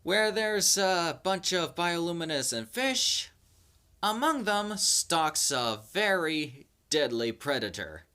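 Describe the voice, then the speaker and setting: Horror-host style countdown narrator, slow delivery, animated pitch, spooky theatrical asides, dramatic pauses. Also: clean tone. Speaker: host of a top-ten creature countdown video. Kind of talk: spoken countdown commentary, semi-improvised.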